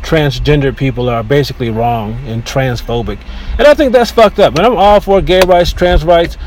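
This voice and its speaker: A man with a somewhat high voice talks his way through a casual podcast monologue from the seat of a car. He is opinionated and rambles, often restarting his sentences. The recording is low quality, with a faint hum of background noise from the car and street. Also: normal speed, a little mellow. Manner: talkative, opinionated, with frequent restarts. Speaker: podcast host. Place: inside a car near a beach.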